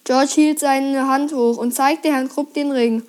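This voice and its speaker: A woman presenting and reading a children's book aloud, in a lively storybook manner. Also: sits high, unhurried.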